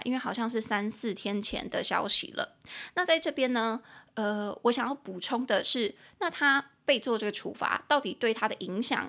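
A woman's voice: a little high, a bit bright. A woman with a Taiwanese Mandarin accent, hosting a casual podcast lesson in which she chats and spells English words out letter by letter. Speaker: podcast host and English teacher.

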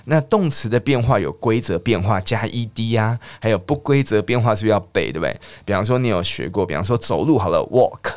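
Guy teaching english, lowish voice that swings up and down, chatty, dry sound. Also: animated, no room sound. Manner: chatty, asks listeners questions, repeats words slowly. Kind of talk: lively lesson.

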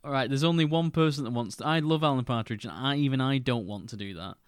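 A man with a smooth, resonant voice talks close and dry as a podcast co-host. He hesitates often, stacking fillers and restarts, and laughs easily. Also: mid-range voice, quick pace, dry recording. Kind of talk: casual chat.

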